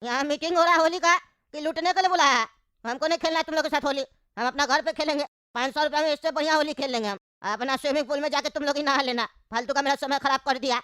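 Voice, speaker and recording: A woman's voice: high voice, fast talker, fairly bright tone, no echo, studio quality. A woman voicing a grumpy, stingy old uncle in a cartoon who complains constantly. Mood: grumbling. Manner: complaining, quarrelsome. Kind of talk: cartoon voice acting.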